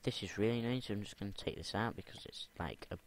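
A man's voice: fairly low pitch, fast. A young man rambling and talking to himself as he plays a game, repeating words under his breath. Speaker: gamer. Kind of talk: game commentary.

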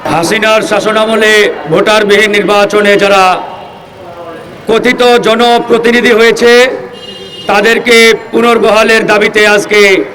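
A man's voice: high voice, bright, forceful tone, low-quality recording. A Bangladeshi man delivering an impassioned political speech in the declamatory manner of a soapbox orator, addressing his supporters. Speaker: political activist speaker. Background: crowd of supporters.

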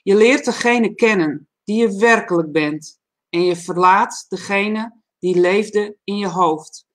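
A woman hosting a livestream talk show, reading a reflective text aloud in a calm, measured way and then chatting casually. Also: mid-range voice.

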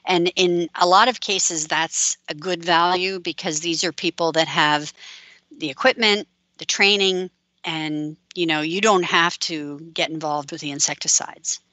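A woman's voice: fairly low pitch, steady tone, a little slow, pushed and bright, no echo, rough recording. A woman extension educator answering audience questions in a practical, plain-spoken way.

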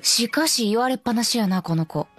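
A woman's voice: a little high, expressive, brisk, lightly acted. Straight-man role: actress playing a blunt Kansai woman, snappy comebacks, faint music behind. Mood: scolding. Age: adult. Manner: sharp retorts, straight-man scolding. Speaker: commentary co-host. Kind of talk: in-character anime commentary.

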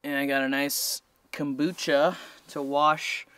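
A young man chatting casually to his camera outdoors by a river, relaxed and self-deprecating. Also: on the high side, slow, smooth, no echo. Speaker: vlogger. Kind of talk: casual outdoor vlog narration. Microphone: action camera, handheld or chest-mounted.

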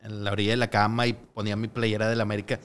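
A man's voice: lowish voice, level tone, quick pace, a bit bright, slight background noise. A man, a podcast guest telling rambling stories full of hesitations and quoted dialogue. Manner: rambling storyteller, frequent hesitations and acted-out quotes. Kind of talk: casual podcast conversation.

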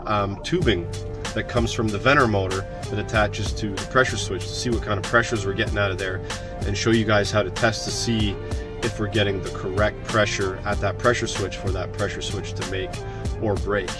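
Low-voiced man demoing HVAC tools. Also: moderate pace, music in the background. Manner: relaxed, plainspoken, walks through steps. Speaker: HVAC technician. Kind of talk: casual tool demo tutorial.

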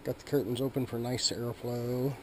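A man giving a relaxed, chatty handheld tour of his motorhome, reading out numbers from his solar panel display. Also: mid-range voice, normal speed, noisy background. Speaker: RV owner vlogging his camping trip. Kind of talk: casual handheld vlog tour. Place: inside a parked motorhome, small room. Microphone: handheld wide-angle action camera.

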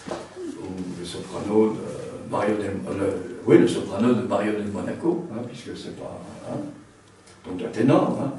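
A man who sings tenor gives a seminar lecture, talking haltingly with many restarts and a frequent tag word. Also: on the low side, a little mellow, a little hiss or hum. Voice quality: trained singer's voice, a tenor. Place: seminar room. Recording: very echoey room, mic far off.

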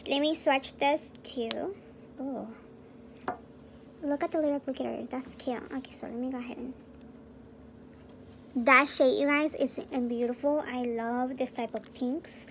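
A young woman with a high voice talks through a beauty unboxing at home, chatty and quick to gush over each product. The recording carries a faint hum of room ambience behind her. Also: creaky. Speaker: beauty vlogger. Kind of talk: casual unboxing review.

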